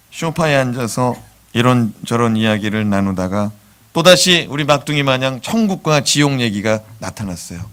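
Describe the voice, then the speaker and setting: A middle-aged man, a pastor, preaching a sermon in a church with emotive swings from soft to loud. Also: medium pitch. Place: church sanctuary.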